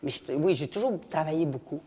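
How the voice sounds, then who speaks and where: A woman's voice: deep voice, animated, fast talker, warm tone. An older Québécois woman, a guest actress, telling stories in a casual interview and briefly mimicking voices.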